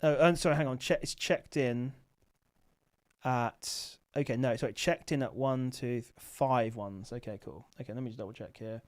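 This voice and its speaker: A man's voice: medium pitch, normal speed. A man hosting a late-night livestream, chatting casually and thinking aloud with many fillers, sounding tired. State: tired, sleepy. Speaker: livestream host, Amazon seller.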